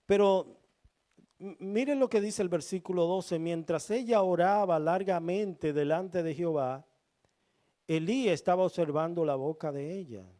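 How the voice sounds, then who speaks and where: A man preaching a sermon as pastor, reading scripture and asking the congregation rhetorical questions in a slow, deliberate way. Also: high-pitched, warm tone.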